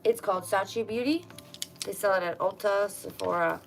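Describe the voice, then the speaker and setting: A woman's voice: mid-range voice, normal speed, vocal fry, a little hiss or hum. A young adult woman rambling frankly in a casual vlog at home, full of fillers and frustration. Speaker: vlogger.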